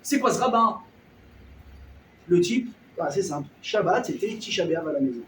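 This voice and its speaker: Man preacher with a high voice, lively storyteller playing each character; roomy, off-mic sound. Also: moderate pace, slight background noise. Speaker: rabbi. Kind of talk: storytelling sermon. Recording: echoey room, voice a bit far from the mic.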